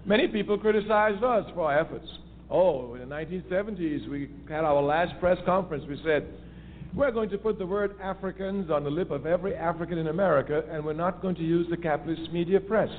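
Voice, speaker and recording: Brisk and somewhat high-voiced, a man phones into a radio show to make a heated political speech. He stresses his points emphatically by repeating key phrases, heard through a tinny line with faint hiss.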